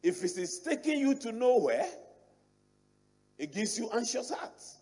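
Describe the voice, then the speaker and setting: A middle-aged man with an African accent, preaching a sermon as a bishop in animated storytelling fashion. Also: very high voice, unhurried, husky. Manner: animated storytelling preacher, repeats and restarts words. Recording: long reverb of a large hall.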